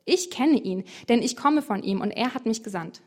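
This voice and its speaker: Earnest male teacher figure, read by a woman with firm emphasis, pitched a touch high. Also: lively intonation, normal speed. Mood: earnest, insistent.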